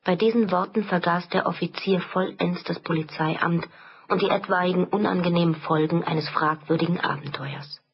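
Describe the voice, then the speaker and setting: A woman narrating an audiobook of a classic novel with measured storytelling. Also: on the low side, fairly even intonation, lo-fi sound, a little hiss or hum. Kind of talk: scripted narration.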